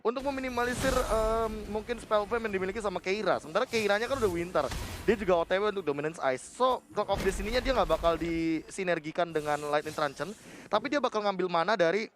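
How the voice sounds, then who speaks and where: A man's voice: high voice, quick pace, a bit bright, a little hiss or hum. A man giving analytical esports commentary as a caster, explaining things with English gaming jargon mixed in.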